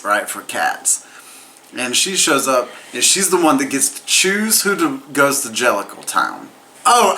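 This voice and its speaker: A man with a bright, forward voice gives a loose comedic movie review while audibly tipsy and getting drunker. He rambles, swears casually and slips easily into giggles. Some noise sits behind his medium-pitched voice. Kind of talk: casual comedic film recap, profane.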